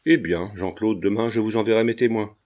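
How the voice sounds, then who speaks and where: A man's voice: fairly low pitch, fairly even intonation, a little fast, darkish tone, lightly acted. A man reading aloud and voicing a stout, scornful older bourgeois man who blusters and threatens.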